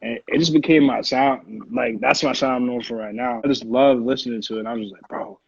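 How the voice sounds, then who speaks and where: This interview guest is a Connecticut music producer in his twenties whose casual American-accented talk is slangy and profane. He speaks fairly quickly in a gravelly, mid-range voice with a breathy edge and fairly even intonation. The recording is dull, roomy lo-fi call audio.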